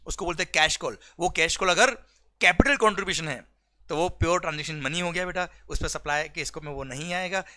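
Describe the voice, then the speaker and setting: Brief: male revision lecturer, Indian English with Hindi, very bright and slightly high voice, quick explanations broken by slow dictated passages. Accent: Indian English mixed with Hindi. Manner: switches between rapid explanation and slow dictated legal text, often asking "clear?". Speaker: teacher.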